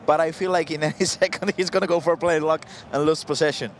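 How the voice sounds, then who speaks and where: A man commentating live on an esports football match, talking fast and getting excited as the play builds. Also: on the high side, slight background noise. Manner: excitable, rises to shouts at big moments.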